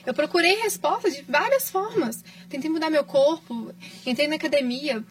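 A Brazilian woman with a high voice tells her story warmly and with feeling, chatting casually on a podcast. She sounds a little far from the mic. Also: lively intonation, moderate pace. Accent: Brazilian Portuguese. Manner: emotional, affectionate storytelling with frequent laughs. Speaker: patient guest.

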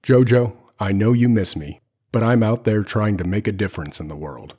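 A man voicing a mother who imitates her absent soldier husband in a deep, mock-stern voice. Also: normal speed, warm tone, husky. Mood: gruff, affectionate. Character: gruff soldier father, playful and boozy.

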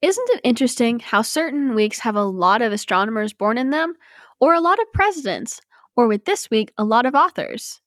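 Female podcast co-host, slightly high voice, scripted educational read for kids, close and dry recording. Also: animated, normal speed, fairly bright tone, no room sound. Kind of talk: scripted educational narration for children.

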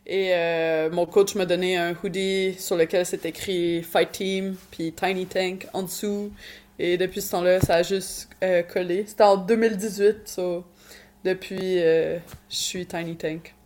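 A woman's voice: on the low side, fairly even intonation, unhurried, darkish tone, a little hiss or hum. A woman with a Quebec French accent giving casual interview answers, informal and sprinkled with English words. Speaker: Muay Thai fighter and coach.

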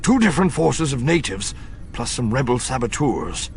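A man's voice: mid-range voice, sing-song, normal speed, darkish tone, a little hiss or hum, pitched above the performer's own voice. A man voicing an alarmed male starship captain in an audiobook, delivering an urgent, raised report over music. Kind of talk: audiobook reading.

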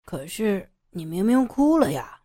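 A woman's voice: medium pitch, sing-song, a little slow, mellow. A woman voicing a worried, protective young village man who questions urgently and earnestly.

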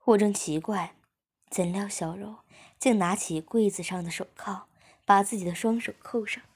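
A woman reads an erotic story aloud in a soft, intimate voice that slips often into a whisper. Her tone is breathy and husky, with a gravelly creak underneath. The delivery stays close and hushed throughout. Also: medium pitch, normal speed. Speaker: story narrator.

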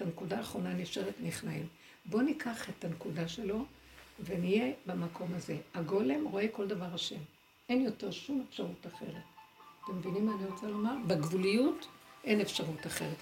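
Gravelly-voiced woman teaching Torah. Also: lowish voice. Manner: lively, rhetorical questions, acts out inner dialogue. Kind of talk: Torah lesson to a group.

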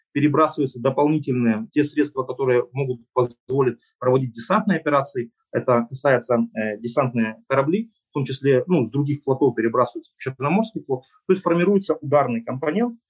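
A man from Ukraine giving analytical interview answers in a measured, deliberate way, often pausing on hesitation sounds. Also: medium pitch, husky, poor audio. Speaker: political analyst, interview guest.

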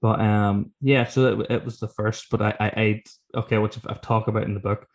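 A man's voice: fairly low pitch, fairly even intonation, fairly quick. A man, chatting casually as a guest author, telling rambling, self-deprecating, sweary anecdotes. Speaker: guest author telling stories from his book.

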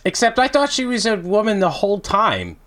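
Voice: medium pitch, huge pitch swings, brisk, fairly bright tone. A co-host in a casual chat about a video game who makes dry, joking asides. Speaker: podcast co-host.

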